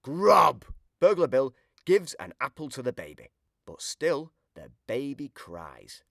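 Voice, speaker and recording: A man reading a children's picture book aloud in an expressive storytelling voice. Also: medium pitch, a little slow, no room sound, clean studio sound. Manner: expressive, sing-song storytelling.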